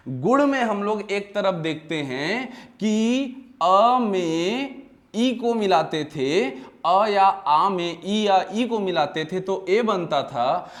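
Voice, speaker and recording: A man's voice: high voice, expressive. A male teacher from Chhattisgarh giving a grammar lecture, asking questions and answering them himself, drawing out words as he explains. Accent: Chhattisgarh Hindi. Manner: asks questions and answers them himself, repeats key terms; slow, drawn-out words when spelling things out.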